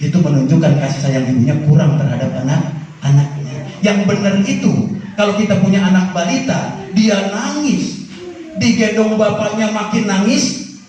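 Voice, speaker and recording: Animated male preacher in an echoey hall. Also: moderate pace. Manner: animated, swings between high and low pitch, addresses audience as "Bu". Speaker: Islamic preacher. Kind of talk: sermon on parenting to mothers. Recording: echoey, distant, dull lo-fi hall recording.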